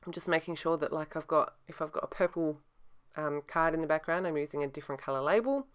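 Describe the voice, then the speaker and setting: A woman's voice: deep voice, fast talker, clean tone. A middle-aged woman with a slight lisp from braces and a sore mouth, giving a casual craft tutorial voice-over. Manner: talks with a sore mouth from newly adjusted braces. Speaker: scrapbooker narrating her process.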